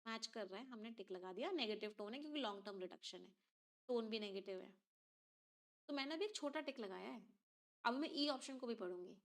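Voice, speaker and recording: A woman's voice: a little high, animated, brisk. A woman teacher explains an exam passage step by step and keeps asking her class questions. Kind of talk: exam reading-comprehension lesson.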